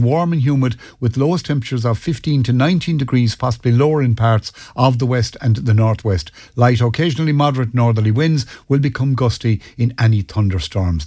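A man's voice: medium pitch, darkish tone, no echo, studio quality. An Irish man presenting on radio, reading forecasts and programme links with some hesitant stumbles. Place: dry radio studio.

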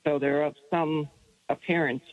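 A woman's voice: sits low, steady tone, a little slow. A woman from Arkansas calling in to a radio show over a phone line, asking her question hesitantly and thinking aloud with many fillers. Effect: caller heard over a phone line on a radio show. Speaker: caller. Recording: dull lo-fi phone line, dry.

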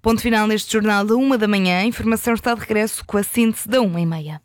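A woman with a European Portuguese accent anchoring a radio news bulletin in a calm, formal way. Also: mid-range voice, quick pace, over loud music. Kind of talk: news reading.

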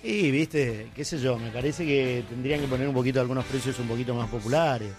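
A man's voice: mid-range voice, brisk, soft background music. A man with an Argentine Rioplatense accent, co-hosting a radio sports show in chatty, joking studio banter.

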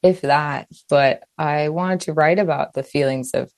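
Very low-voiced chatty woman author. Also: creaky, darkish tone, no echo. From Hawaii. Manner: quick, chatty, many "like" fillers and restarts. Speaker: author, guest. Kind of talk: casual interview answers.

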